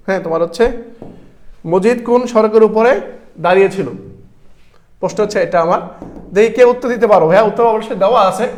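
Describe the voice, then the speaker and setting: High-voiced young male tutor, drills exam questions by repeating them. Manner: repeats questions and answers, addresses students as brothers. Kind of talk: exam-prep class lecture.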